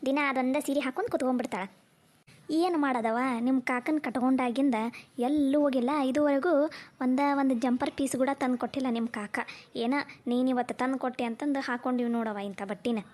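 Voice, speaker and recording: A woman voicing a grumbling older village woman in a cartoon, with a North Karnataka accent and a lowered voice. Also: steady tone, fairly quick, a little mellow. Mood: complaining. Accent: North Karnataka Kannada.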